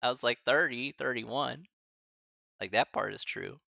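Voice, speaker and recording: A man's voice: medium pitch, measured pace, vocal fry, dry recording, muffled recording. A man in his early forties, a college math instructor, teaching a live-streamed lecture and chatting with viewers between steps. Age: 40s. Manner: lively, chatty asides to chat, laughs often.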